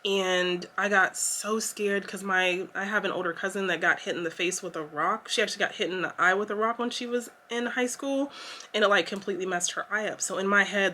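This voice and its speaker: Young woman, bright voice, chatty emotional storytelling vlogger. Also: mid-range voice, slight background noise. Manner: chatty, emotional retelling with many fillers. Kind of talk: casual story time to camera.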